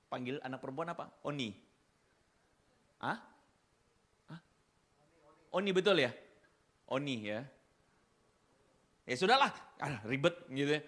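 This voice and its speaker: Male pastor, high and bright, animated storyteller in the pulpit. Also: unhurried, long pauses. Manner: animated storytelling, mixing in English words. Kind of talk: sermon. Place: church.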